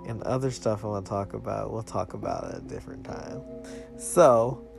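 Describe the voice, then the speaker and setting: Slangy young guy with creaky voice. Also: fairly low pitch, fairly even intonation, moderate pace. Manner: slangy, loose bro talk. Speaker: podcast host. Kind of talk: casual solo podcast chat. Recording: music playing behind the voice.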